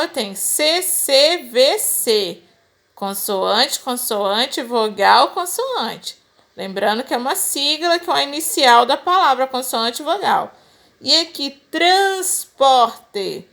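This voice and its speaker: In a recorded remote lesson for children, a Brazilian woman teacher explains the material patiently, step by step. She speaks with a Brazilian Portuguese accent in a fairly high, fairly bright voice.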